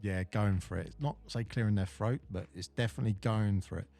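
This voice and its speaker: A man's voice: on the low side, fairly quick, creaky, dark tone. A man co-hosting a basketball podcast, rambling and joking in casual chat. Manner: rambling, jokey, many fillers. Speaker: podcast co-host.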